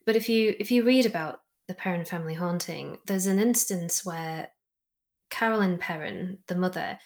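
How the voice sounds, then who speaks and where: A woman guest on a podcast, chatting casually and reacting eagerly, quick to laugh. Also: lowish voice, darkish tone. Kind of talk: casual interview chat.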